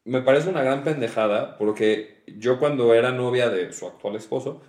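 A young man with a Mexican Spanish accent tells stories in a laid-back, casual podcast chat. His voice is mid-pitched. It rings in an echoey room. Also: moderate pace, darkish tone. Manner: laid-back storytelling, frequent laughter. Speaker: podcast co-host.

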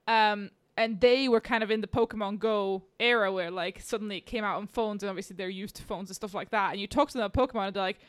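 A woman in her twenties from Slovakia chatting casually, animated and excitable, laughing often. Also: medium pitch, fast, few pauses, clean tone. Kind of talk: casual chat.

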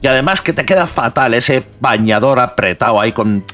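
A man's voice: mid-range voice, expressive, a little fast, a bit bright, soft background music. A man co-hosting a comedy podcast, blunt and crude, swearing freely as he banters. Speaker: podcast co-host.

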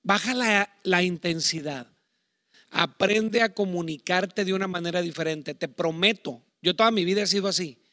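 A middle-aged man with a Mexican accent preaching a sermon on marriage, talking loudly in a chatty, digressive way with asides. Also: high-pitched, moderate pace, no echo, clean studio sound. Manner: loud, self-admittedly talks shouting. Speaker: pastor. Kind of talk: sermon on marriage to online viewers.

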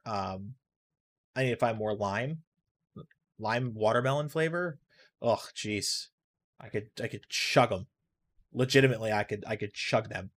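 A man's voice: mid-range voice, fairly bright tone. A man hosting a casual solo podcast in a rambling, offhand way, now and then swearing and reacting aloud to a video game he plays while he talks. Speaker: podcast host.

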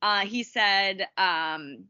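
Woman podcast co-host, bright and forceful tone, giggly note-reader, dry dull recording. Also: medium pitch, drawn-out words, clear, resonant tone, dry recording. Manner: chatty and giggly, reads notes with many ums. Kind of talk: casual chat, reading history notes.

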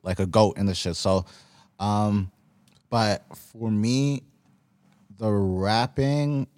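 A man with a fairly low voice chats on a roundtable podcast. He talks in a laid-back way, pausing on fillers and restarting his sentences. The sound is dry and close. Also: a little mellow, no room sound. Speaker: podcast co-host. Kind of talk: casual roundtable chat.

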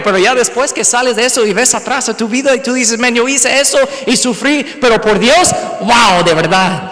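A man preaching a sermon and telling a lively personal story, slipping words in among his phrases. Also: high-pitched, long reverb tail. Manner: animated storytelling, mixing in English words. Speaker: pastor.

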